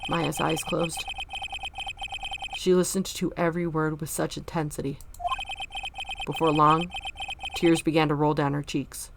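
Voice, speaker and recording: A woman's voice: deep voice, flat delivery, unhurried, vocal fry, long pauses, heavy background noise. A woman hosting a game playthrough, reading dialogue and narration aloud and adding casual comments. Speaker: let's play host. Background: game music.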